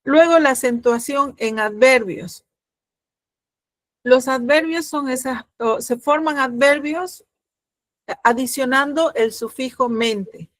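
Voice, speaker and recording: A middle-aged woman teaching a grammar lesson, explaining patiently, often pausing with fillers and checking that students follow. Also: high voice, no echo.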